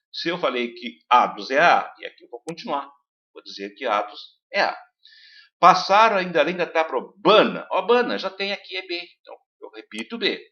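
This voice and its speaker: A man's voice: on the high side, bright, forceful tone, highs cut off. A man teaching a recorded video lesson, explaining step by step and putting questions to his students. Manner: explains step by step, asks the class questions, many fillers like "né" and "então".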